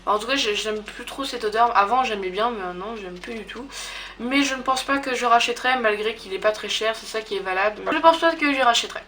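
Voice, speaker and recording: A woman's voice: fairly high pitch, fast talker, bright, forceful tone, slight background noise. A young woman chatting casually in a beauty product review, hesitant and full of fillers and restarts. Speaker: beauty vlogger.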